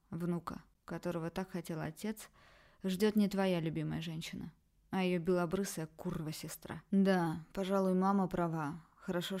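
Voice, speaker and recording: Female audiobook narrator, low and dark-toned, brooding first-person reading.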